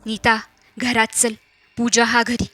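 A calm village healer woman coaxes a possessed girl in a spoken horror story, gentle and patient with a Malvani accent, as a woman reader does her. Her voice is bright and evenly pitched, recorded close and dry. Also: takes it slowly, dry recording, soft background music. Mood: coaxing.

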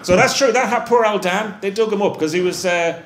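Speaking fairly quickly in a high-sitting voice, a middle-aged Irish brewery representative appears as a guest for a casual onstage chat, full of self-mockery and restarts. The small live venue room is echoey with a faint hum, and he uses a handheld mic mounted on a stand.

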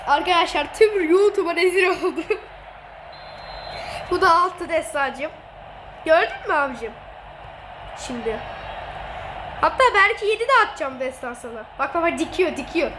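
A woman giving excited commentary over a football video game, teasing and gloating at her opponent and laughing often. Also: very high-pitched, moderate pace, pauses often. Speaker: gamer streamer. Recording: noisy game audio behind.

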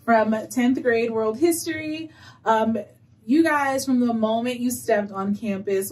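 A woman's voice: on the high side, darkish tone, far from the mic. A young woman teacher giving a chatty, playful congratulation message to her former students, indoors. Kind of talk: celebratory video message. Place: indoor school room, seated.

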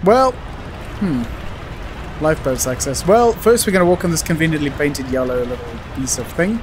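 A man's voice: a little high, lively intonation, normal speed, slight background noise. A man giving casual, jokey commentary while playing a video game, talking to objects and characters on screen. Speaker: let's play gamer.

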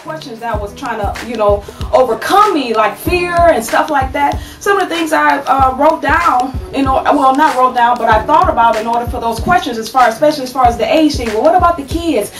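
A woman in her thirties giving relationship advice to her webcam at home, animated and preachy, checking in with "okay?" again and again. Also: high voice, fairly quick, reverberant, distant mic, soft background music, rough recording. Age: 30s. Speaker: advice vlogger. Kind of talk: casual advice talk to camera. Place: small room at home, indoors. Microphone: webcam at desk distance.

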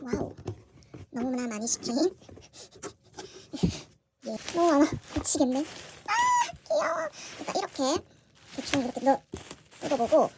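High-voiced young woman gushing over merch. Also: normal speed, pauses often. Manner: gushing, excitable, repeats cute over and over. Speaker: vlogger. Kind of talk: casual unboxing vlog. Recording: audible background noise with crinkling packaging.

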